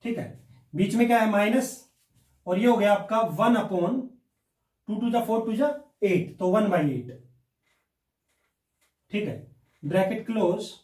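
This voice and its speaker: In slow, frequently paused speech, a high-voiced male maths teacher goes over exercises at the blackboard one step at a time. He keeps making sure students follow and supplies answers to his own questions, his tone a little mellow. Recorded from afar in an echoey room.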